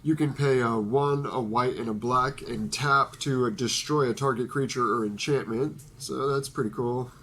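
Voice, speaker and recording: A man's voice: mid-range voice, steady tone, moderate pace, few pauses, fairly bright tone, slightly rough. A young man with a stuffy, blocked nose from allergies, casually hosting a card review with playful asides. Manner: playful, jokey asides to an imagined listener. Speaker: Magic card video host.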